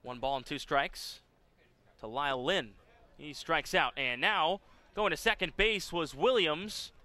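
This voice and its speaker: Bright, clear male baseball play-by-play announcer. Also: on the high side, a little slow. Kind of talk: live sports commentary.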